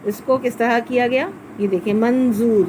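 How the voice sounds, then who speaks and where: With a fairly high yet darkish voice and a steady tone, a primary school Urdu teacher patiently takes a children's class through letters step by step. The recorded lesson suffers from poor audio and slight background noise.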